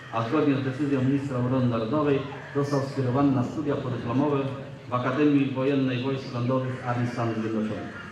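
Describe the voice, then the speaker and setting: A man's voice: mid-range voice, darkish tone. Echoing man giving a formal military speech. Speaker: senior military officer giving an address. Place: covered outdoor stage. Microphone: podium microphone through loudspeakers. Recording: echoing outdoor PA, distant, faint noise.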